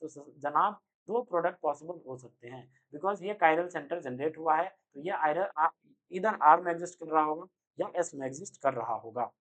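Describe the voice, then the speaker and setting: A young man giving an energetic online chemistry lecture, speaking loudly and constantly quizzing his students with quick rhetorical questions. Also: a little high. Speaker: chemistry teacher. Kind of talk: online exam-prep lecture.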